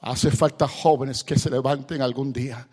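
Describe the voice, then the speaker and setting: A man preaching an impassioned sermon at a church youth conference, building to loud, fervent shouts. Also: mid-range voice, fairly even intonation, moderate pace.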